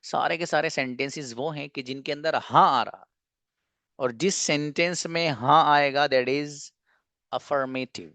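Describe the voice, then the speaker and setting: A man's voice: on the high side, takes it slowly, sharp tone, no room sound. A man teaching an online English class, drilling example sentences and asking and answering his own questions.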